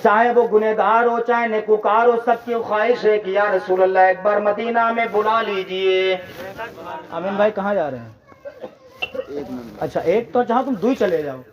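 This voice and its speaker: A man giving an impassioned religious sermon to a large gathering, telling a story and rising to shouts while prompting the crowd to respond. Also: high-pitched, distant mic, lo-fi sound. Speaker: maulana preaching.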